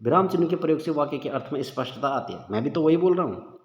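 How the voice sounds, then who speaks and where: A man's voice: a little high, lively intonation, fast. Chatty male exam-prep teacher in an echoey room. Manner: chatty, addresses viewers as "bhai", thinks aloud. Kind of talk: casual exam-prep lesson. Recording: echoey room with long reverb, dull lo-fi sound.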